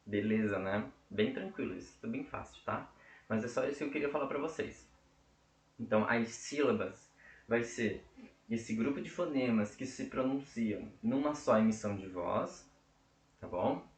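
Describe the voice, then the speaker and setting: A man's voice: medium pitch, moderate pace. Man explaining in an echoey room. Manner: explanatory, checks in often with "tá?" and "né?". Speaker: teacher. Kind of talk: casual spoken lesson.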